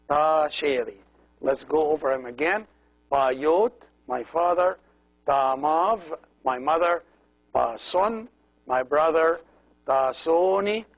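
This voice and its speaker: A man teaching a language lesson as a priest, slowly repeating each word and explaining how every letter is pronounced. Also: fairly high pitch. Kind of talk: slow, patient language lesson. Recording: dull lo-fi recording.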